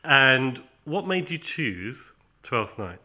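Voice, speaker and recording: A man's voice: mid-range voice, sing-song, slow pace, pushed and bright. A man asking casual interview questions from behind the camera.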